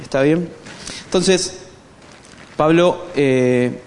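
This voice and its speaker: Male Bible study teacher, Rioplatense accent, higher voice, animated and joking, long hall reverb. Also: drawn-out words. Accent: Rioplatense Spanish. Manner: animated, joking, addresses the audience directly. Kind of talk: conversational church teaching.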